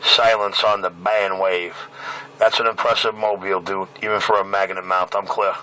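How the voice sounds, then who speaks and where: A man's voice: low-pitched, flat delivery, normal speed. A man chatting and calling out over a CB radio channel, his transmission off frequency, joking and rambling between calls. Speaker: CB radio operator. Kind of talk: casual CB radio banter. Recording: heavy static over CB radio.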